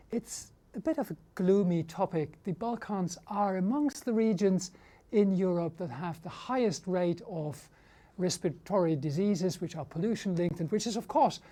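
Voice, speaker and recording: A man opening a panel debate as its moderator, speaking in a measured way and slowing down to stress key points. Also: high voice, dark tone.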